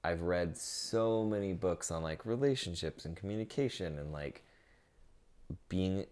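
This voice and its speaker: A man's voice: low voice, animated, a little slow, a little mellow. A young man in casual podcast chat with his partner, rambling with lots of "like" fillers and talking openly about feelings. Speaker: podcast co-host.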